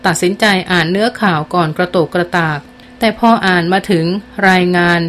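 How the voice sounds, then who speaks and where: A woman reading a novel aloud as an audiobook narrator, in a steady storytelling manner that slows down for dialogue. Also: lowish voice, slight background noise.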